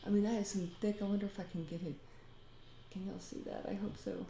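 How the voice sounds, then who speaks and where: A woman's voice: medium pitch, fairly even intonation, fast, gravelly, warm tone, echoey room, a little hiss or hum. A woman chatting casually at home, rambling and laughing as she demonstrates a homemade recipe. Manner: rambling and talkative, often laughing. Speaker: home DIY vlogger.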